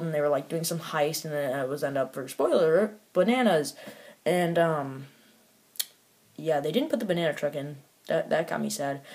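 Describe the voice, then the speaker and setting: A man's voice: on the high side, darkish tone. A man casually reviewing a toy set, rambling with lots of fillers and restarts and making offhand, mildly critical remarks.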